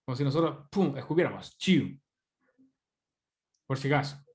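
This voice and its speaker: A man's voice: medium pitch, fast talker, darkish tone. A man from Chile, teaching an online English class in Spanish, often checking in with students. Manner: chatty, asks students questions often. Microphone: computer microphone on a video call.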